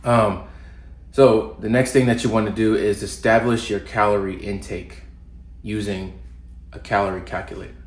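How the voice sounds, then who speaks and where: A young man with a fairly low pitch and moderate pace gives relaxed fitness advice to camera, a little congested from a cold and leaning on ums and restarts. He's a fitness vlogger recorded in a roomy home setting with faint ambience.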